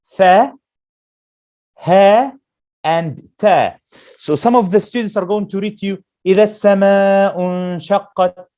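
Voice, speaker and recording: A male Quran teacher leading a classroom lesson, slowly drilling letter sounds and asking the class questions. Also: sits high, expressive, a little mellow.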